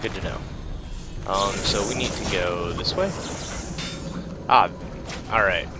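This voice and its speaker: Over game music, a let's play host with a deep voice speaks slowly. His commentary is casual and laid-back as he thinks aloud and reads out tutorial text.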